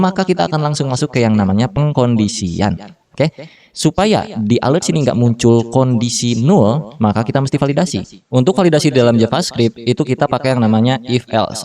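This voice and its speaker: A man's voice: mid-range voice, dark tone, recorded from a distance. A man in his thirties giving a casual, slangy coding tutorial, often correcting himself mid-sentence. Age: 30s. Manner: slangy Jakarta-style casual talk with fillers and self-corrections. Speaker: programming tutor.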